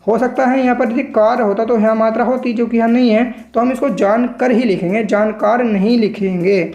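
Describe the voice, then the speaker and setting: A woman teaching shorthand in a patient tutorial, slowly spelling out each stroke and repeating syllables. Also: on the high side, steady tone, warm tone, reverberant. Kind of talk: step-by-step tutorial explanation.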